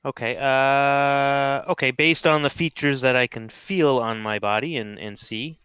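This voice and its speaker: A man's voice: mid-range voice, a little slow, a bit bright, clear, resonant tone, no echo. A man playing a tabletop game, thinking aloud tentatively with fillers. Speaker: player. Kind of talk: casual tabletop game play.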